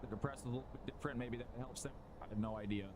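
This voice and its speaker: A man's voice: medium pitch, steady tone, rapid-fire, noisy background. A man streaming a game, chatty and upbeat while fiddling with his gear, his voice passing through uneven auto gain so the volume keeps swinging up and down. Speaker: gaming livestreamer. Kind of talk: casual live-stream chat.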